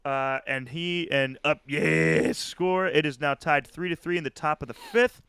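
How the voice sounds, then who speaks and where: A man's voice: a little high, big pitch swings, measured pace, a bit bright, clear, resonant tone, no echo, studio quality. A man co-hosting a casual sports podcast, recapping a game play by play with easy chuckles. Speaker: podcast co-host.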